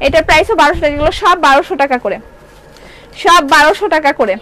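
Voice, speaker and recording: A woman's voice: high voice, fast talker, pushed and bright, rough recording. A middle-aged woman with a Bangladeshi Bengali accent selling clothes on a live stream, chatting and answering viewer comments. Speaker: online shop seller. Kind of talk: live-stream product sale.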